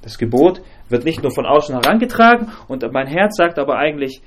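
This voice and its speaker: A man teaching a Bible study group, talking in a halting way with many fillers and restarts and asking the group questions. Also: on the high side, sing-song, slight background noise.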